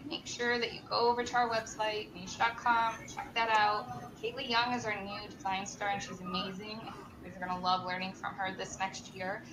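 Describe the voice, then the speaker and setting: A woman with a mid-range voice, against a noisy background, hosts a live-stream chat show while sick, her voice strained. She's a marketing director, chatty and upbeat with plenty of ums, greeting viewers by name from a company studio with a control room.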